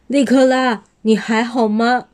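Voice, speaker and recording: Woman reading as a big worn-out t-rex uncle, slow and halting, storybook. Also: a little high, steady tone, a little mellow, natural voice. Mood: weary. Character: big gruff male tyrannosaurus, softened.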